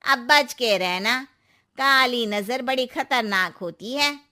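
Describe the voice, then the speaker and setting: A woman's voice: fairly high pitch, slow pace, sharp tone. A woman voicing a gossipy older neighbour aunty in a cartoon story, who talks in cautionary, superstitious warnings.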